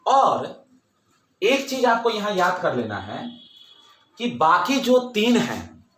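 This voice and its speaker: High-voiced male teacher, slow and bright. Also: wildly swooping pitch, roomy sound, a little hiss or hum. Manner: repeats key points with emphasis, mixing English terms into Hindi. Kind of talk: classroom lecture.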